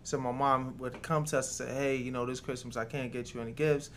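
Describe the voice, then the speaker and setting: A man's voice: medium pitch, level tone, brisk, a little hiss or hum. A man from Jamaica, raised in New York City, a restaurant co-founder talking as a guest in a reflective, filler-heavy way. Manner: reflective, lots of "you know". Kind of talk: casual interview chat.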